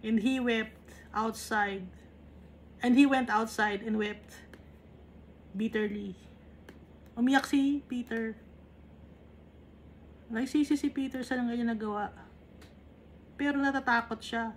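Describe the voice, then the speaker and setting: A woman from the Philippines leads a Bible study, reading English verses before explaining them in casual Tagalog with frequent little tag questions. She speaks slowly in a fairly high, steady voice, pausing often. There's a little hiss or hum on the recording.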